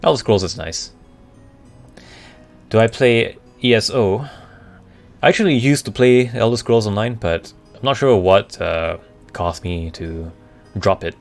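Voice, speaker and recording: A man chatting casually on a live stream, answering questions in a halting way as he searches for the right words. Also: low-pitched. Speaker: streamer, VTuber. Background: background music.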